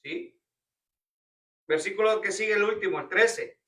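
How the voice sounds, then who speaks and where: A man leads a Bible study in a church, constantly putting questions to the room and addressing everyone as brothers. His voice is very high and bright. It comes across from some way off, with a roomy echo. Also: measured pace. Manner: questioning the congregation often, repeating "hermanos". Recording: roomy church hall, picked up from a distance.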